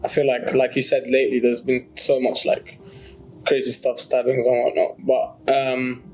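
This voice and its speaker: A man's voice: mid-range voice, moderate pace, rough recording. A young man from Jordan, a student talking casually and easily in a debate, with lots of fillers and laughs. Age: young adult. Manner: relaxed, chatty, often laughing, many fillers. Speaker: student discussion participant.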